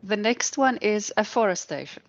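A woman's voice: medium pitch, lively intonation, moderate pace. Matter-of-fact female moderator, muffled. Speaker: moderator reading out audience suggestions. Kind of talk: reading out suggestions in a lecture. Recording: dull lo-fi recording.

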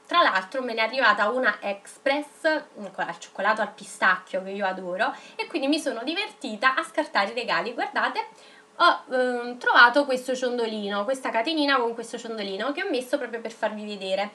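A woman teaching young children in a video lesson, dictating words slowly and spelling them out syllable by syllable. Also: a little high, animated, bright, forceful tone. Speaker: primary school teacher.

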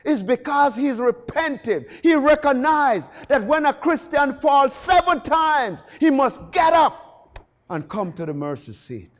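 Male preacher, very high voice, lively swooping delivery, passionate sermon with occasional shouts. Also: slow pace. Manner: impassioned, rising to shouts on key phrases.

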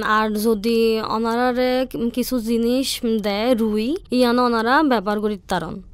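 A woman doctor speaking Chittagonian Bengali, explaining in an interview in a halting way with restarts. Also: fairly high pitch, clear, resonant tone, dry recording. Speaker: doctor, guest expert.

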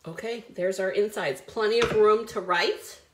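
A woman's voice: medium pitch, normal speed, a little hiss or hum. A woman hosting a live card-making stream, chatty and bubbly, greeting viewers by name as she works. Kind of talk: live crafting stream chat.

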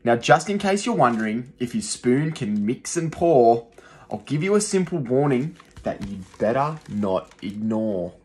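A rhyming picture book is read aloud to young children by a young adult male teacher, rhythmic and expressive, at a slightly slow pace and medium pitch. He sits in a small room, with a phone recording him from close in front.

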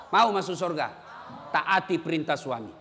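A male preacher giving a humorous sermon, teasing and addressing the audience directly in an animated way, with a long hall reverb. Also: fairly high pitch, normal speed, creaky, a little hiss or hum.

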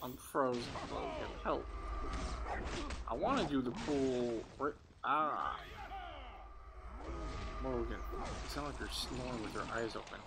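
Man, mid-pitched, upbeat and playful gameplay commentator, home recording with steady hiss. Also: unhurried, creaky, pauses often. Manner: playful, excitable, talks to his child while playing. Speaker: gameplay video host.

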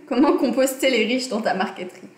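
Slightly high and a little slow, her voice echoes in the small room where she sits at her desk. The young woman hosts a casual, chatty livestream on design and politics, frequently using fillers and correcting herself.

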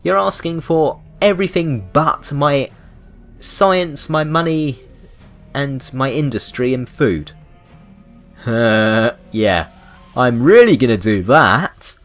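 With music in the background, a British man meanders through unscripted game commentary, sounding wry and mock-indignant. He takes it slowly, his medium-pitched, slightly bright voice carrying lively intonation.

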